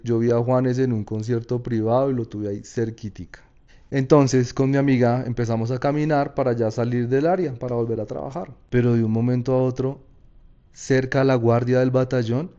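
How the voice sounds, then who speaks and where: A man with a Colombian Paisa accent telling a personal story in a casual, slangy, lively way. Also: mid-range voice, lo-fi sound. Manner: casual, slangy, animated retelling.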